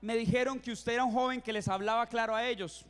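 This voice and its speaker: A young man in his twenties, a youth pastor, preaching a sermon and telling funny stories, acting out his own reactions with lively energy. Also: very high-pitched, quick pace, clear, resonant tone. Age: 20s. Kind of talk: sermon with humorous storytelling. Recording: reverberant hall.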